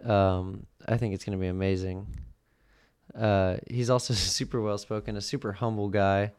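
A man with a fairly low, clear and smooth voice hosts a sports podcast. His delivery is casual and informal, with a slightly hesitant, halting flow as he comments. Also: little pitch movement, a little mellow. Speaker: podcast host.

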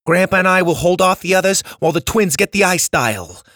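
A man voicing a fierce old grandmother who fights with a samurai sword, speaking high and bossy. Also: lively intonation, brisk, fairly bright tone, no echo, clean studio sound. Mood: determined.

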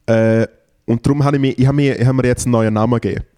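A Swiss German man speaks at a middle pitch with a dark, relaxed tone. His delivery is casual podcast banter, halting and circling back to repeat phrases. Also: clear, resonant tone. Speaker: podcast co-host.

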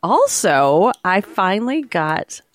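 A woman who is a podcast co-host and author chats casually, telling stories with frequent restarts and sounding nasal from a cold. Her medium-pitched voice is sing-song and slow, captured as clean studio sound with no echo.

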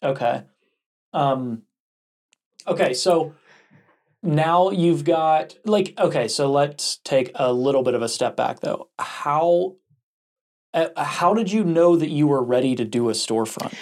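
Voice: medium pitch, animated, measured pace, darkish tone. A podcast host in a casual interview, mostly giving short reactions before moving on to the next question. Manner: brief, reacting with short remarks and laughs.

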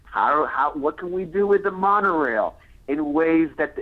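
A man earnestly discussing policy off the cuff as a commentator, wordy, halting and digressive, over a tinny phone-like line. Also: on the high side, lively intonation.

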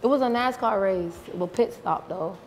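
A woman's voice: medium pitch, normal speed, big-room sound, a little hiss or hum. Blunt, profane woman. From North Miami, Florida. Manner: blunt, profane, animated storytelling. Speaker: guest. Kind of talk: casual interview chat. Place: reverberant room with couch.

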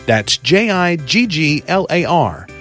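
A man's voice: a little high, very animated, takes it slowly, a bit bright. A man reading a scripted podcast promo as an announcer. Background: music.

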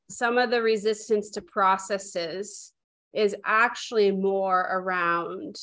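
A woman co-host with a mid-range voice guides her guest on a podcast. She asks gentle, searching questions in a calm coaching manner. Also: medium pitch.

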